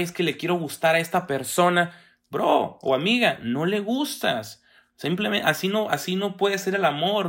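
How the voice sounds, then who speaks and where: A man's voice: sits high, creaky, a bit bright. A young man giving a motivational talk, speaking directly to the listener and checking in with frequent rhetorical questions.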